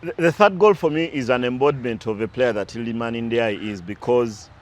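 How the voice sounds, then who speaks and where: A male pundit breaks down recent football matches in a brisk, mid-range voice. The casual sports talk is analytical, wanders into side stories, and includes some restarts.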